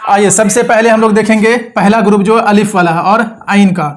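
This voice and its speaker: A man's voice: high voice, fairly even intonation, fairly quick, slight background noise. A man teaching an Urdu lesson step by step, patiently repeating words and asking the viewer questions.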